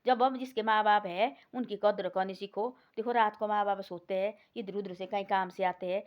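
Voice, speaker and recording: Rambling folksy woman storyteller, lo-fi. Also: mid-range voice. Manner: rambling, repetitive, folksy retelling with many restarts. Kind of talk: casual moral storytelling. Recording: dull lo-fi recording.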